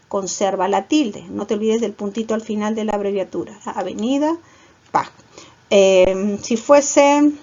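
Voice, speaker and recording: A woman teaching a class, explaining each point step by step and checking in with her students. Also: medium pitch. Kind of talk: online class lecture. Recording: dull lo-fi recording.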